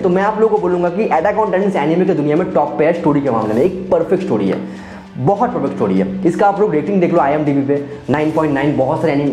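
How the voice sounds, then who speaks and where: With a high, warm voice, a young Indian man chats about anime for his YouTube audience, addressing them casually as friends and repeating phrases to drive points home. His enthusiasm is clear. The sound is roomy and echoey, with faint music behind.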